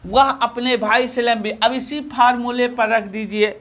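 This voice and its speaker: A man with a Hindi accent teaching an English grammar lesson, repeating phrases slowly and answering his own questions. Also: very high voice, fairly even intonation, fairly bright tone.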